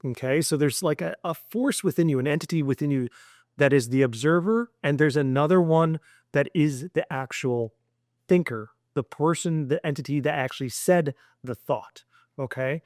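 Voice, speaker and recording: Earnest, rambling dad with a dry, close voice. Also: male voice, a little high, moderate pace, dry recording. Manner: earnest and long-winded, stringing thoughts with repeated "and"; gentle and encouraging, speaking directly to a child. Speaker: father addressing his son. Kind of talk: heartfelt spoken message and mindset lesson.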